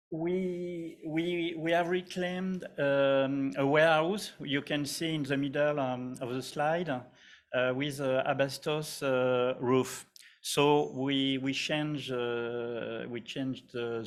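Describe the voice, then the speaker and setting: A man with a French accent giving a conference presentation, halting, with many fillers and restarts. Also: mid-range voice. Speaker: conference speaker.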